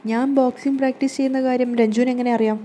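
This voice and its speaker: A woman voicing a young male bank officer, reading his lines plainly within her fast recap of a television serial. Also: very high-pitched, little pitch movement, dark tone, slight background noise. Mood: puzzled.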